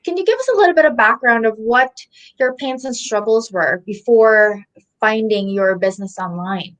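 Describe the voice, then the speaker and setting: A woman's voice: on the high side, normal speed, low-quality recording. A woman hosting a casual online interview, upbeat and enthusiastic. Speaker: host.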